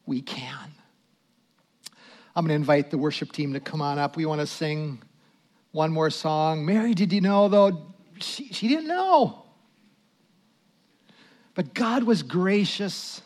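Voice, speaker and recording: High-voiced pastor preaching slowly. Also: male voice, animated. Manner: dramatic swings from loud to hushed, prayerful asides. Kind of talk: sermon.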